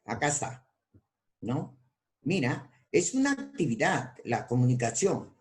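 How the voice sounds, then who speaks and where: A woman lecturing students in an online class, with a deep, low-toned voice and a teacherly way of asking questions and answering them herself. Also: very animated, a little slow, darkish tone. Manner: teacherly, asks and answers her own questions. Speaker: university lecturer.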